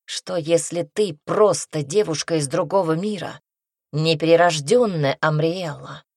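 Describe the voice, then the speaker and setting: A woman's voice: low voice, measured pace, darkish tone, husky, dry recording, studio quality, full character voice. A woman voicing a male prince who speaks steadily and urges the heroine on with commands. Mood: earnest.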